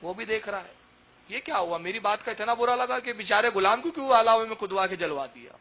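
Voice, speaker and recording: A man's voice: high-pitched, animated, sharp tone. A man preaching a sermon, telling a story dramatically with acted quotes. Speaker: religious speaker.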